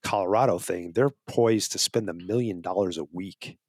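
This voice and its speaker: Man with a lowish voice, a podcast guest making his case earnestly, restarting his phrases, recorded dry. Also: moderate pace, breathy edge, dry recording. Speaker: wildlife advocacy guest. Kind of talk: casual interview talk.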